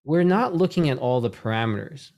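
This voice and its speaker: Animated and a little fast, a middle-aged man with a medium-pitched, darkish voice hosts a casual video call, speaking into a desk microphone on a boom arm in a home room full of bookshelves. His talk meanders, loops back with restarts, and leans on quick "right?" check-ins as he builds a point.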